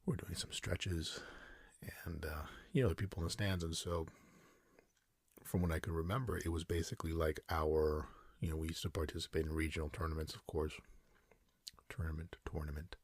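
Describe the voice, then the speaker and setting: A man in his thirties rambles softly and hesitantly in a drowsy, sleepy ASMR bedtime style, breathy and now and then slipping toward a whisper. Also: very deep voice, steady tone, fairly quick, no room sound. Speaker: sleep podcast host.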